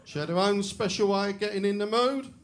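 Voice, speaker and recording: A middle-aged man with a London accent doing a deadpan, self-deprecating stand-up set on a club stage, speaking into a handheld mic. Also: sits high, brisk, slight background noise. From England. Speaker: stand-up comedian. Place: comedy club stage with a live audience. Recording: loud audience laughter in a club.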